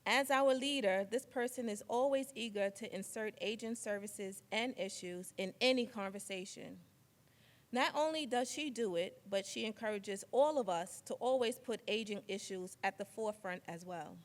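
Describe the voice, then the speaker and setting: A woman's voice: medium pitch, normal speed, big-room sound. A woman hosting an assembly and formally introducing the next speaker. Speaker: event host. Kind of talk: presenting at an assembly.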